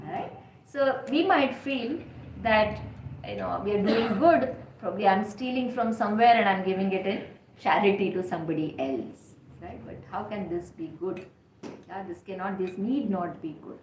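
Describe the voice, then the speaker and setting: A woman's voice: on the high side, a little hiss or hum. Woman giving a conversational spiritual talk. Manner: conversational, asks the audience rhetorical questions. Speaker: devotional speaker. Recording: roomy hall recording.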